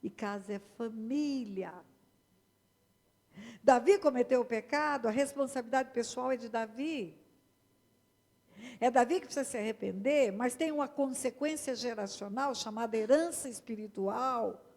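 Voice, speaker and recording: Woman pastor, Brazilian accent, high gravelly voice, sermon with long hall reverb. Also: moderate pace, darkish tone. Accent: Brazilian Portuguese. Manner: emphatic preaching, addressing the congregation directly. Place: church hall.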